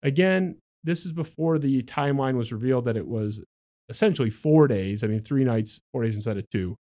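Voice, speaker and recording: A podcast host delivers a sarcastic, exasperated political monologue on his talk show, reading quotes aloud and mocking them. His medium-pitched voice is animated, brisk, and warm.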